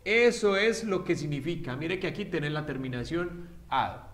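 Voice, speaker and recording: Lively high-voiced teacher. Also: male voice, moderate pace. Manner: chatty, asks rhetorical questions. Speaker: English teacher. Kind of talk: casual classroom lesson.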